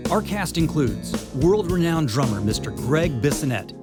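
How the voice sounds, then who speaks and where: A man's voice: very animated, a little slow. A man from Japan hosting a show, giving an upbeat scripted narration as he introduces the show and its players. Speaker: host. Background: loud bass and guitar music.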